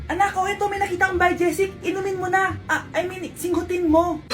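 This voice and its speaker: A comedy skit creator acts out several roles, switching between a mother, her child, and other characters. Her voice is extremely high-pitched, level in tone, and brisk, with music playing behind her.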